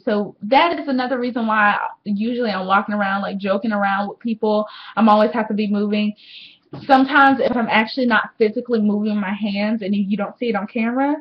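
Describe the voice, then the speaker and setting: Candid eighteen-year-old woman on a dull webcam. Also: medium pitch. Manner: candid, rambling, swears freely. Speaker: vlogger. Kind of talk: casual diary vlog to camera. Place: at home. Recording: slightly dull webcam audio.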